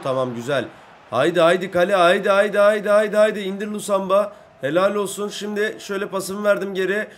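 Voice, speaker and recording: A young man with a somewhat high voice runs casual commentary over a football video game, cheering on virtual teammates and addressing his viewers directly. He is excitable and chatty, recorded at a home gaming setup. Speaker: gaming YouTuber.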